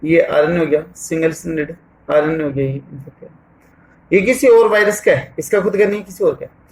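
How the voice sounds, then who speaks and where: A man's voice: on the high side, darkish tone, rough recording. A man teaching a lesson, asking questions and answering them himself while he writes on the board. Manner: asks questions and answers them himself, repeats "theek hai"; writes on the board while talking, slow with pauses. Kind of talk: board lesson in Hindi mixed with English terms.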